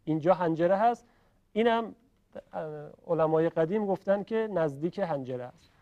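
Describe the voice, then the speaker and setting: A male teacher leads a classroom lesson on pronunciation, his voice sitting a little high. He explains patiently, pauses to check that the students follow, and voices each sound slowly to show it. The class recording sounds dull and lo-fi. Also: lively intonation. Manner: demonstrates sounds by voicing them slowly.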